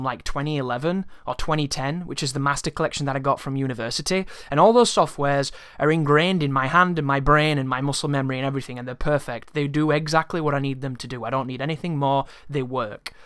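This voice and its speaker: A YouTuber with a slightly high, fairly bright voice tells his viewers a casual, rambling story, sounding exasperated and swearing along the way. He's close to the microphone, and there's no echo.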